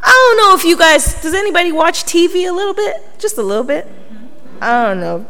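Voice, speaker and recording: A woman's voice: extremely high pitch, very animated, fairly quick, pushed and bright. A woman preaching a sermon, emphatic and full of rhetorical questions to her congregation. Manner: emphatic, rhetorical, often prompting the listeners. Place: large reverberant hall, preaching to a congregation. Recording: echoey hall with long reverb.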